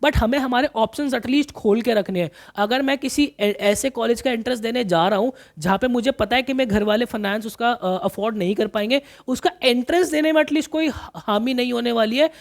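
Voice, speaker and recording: A man's voice: extremely high pitch, fairly quick, vocal fry, hardly any pauses. A man coaching commerce students through exam planning in a casual, chatty way, often repeating himself and calling listeners brother. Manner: chatty, repeats phrases, calls listeners brother, mixes in English terms.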